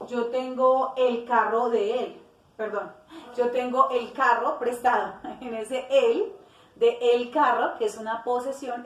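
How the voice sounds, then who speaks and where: A woman with a fairly high voice teaches a grammar lesson and walks through the rules one step at a time. She stops to correct herself and acts out short example phrases. She is recorded from a distance in a room with a roomy echo.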